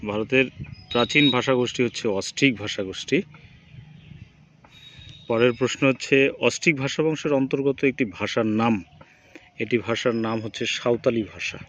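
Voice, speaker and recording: A male teacher running through exam questions, reading each question and then giving its answer in a steady drilling rhythm. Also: medium pitch. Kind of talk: exam quiz review lesson. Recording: dull lo-fi recording, faint background noise.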